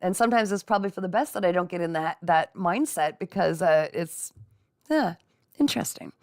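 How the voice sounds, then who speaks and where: A woman's voice: on the low side, animated, brisk, darkish tone, dry recording. Chatty middle-aged woman, dry close sound. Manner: chatty and encouraging, frequent laughs, talks straight to viewers as "guys". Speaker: livestream host and psychic reader. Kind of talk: casual live-stream chat, reading viewer comments. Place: at home with her dogs.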